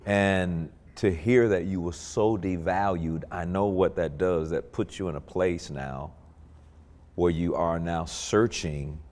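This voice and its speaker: Deep-voiced male pastor hosting a talk show. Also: steady tone, slow pace, darkish tone, long reverb tail. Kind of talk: pastoral interview.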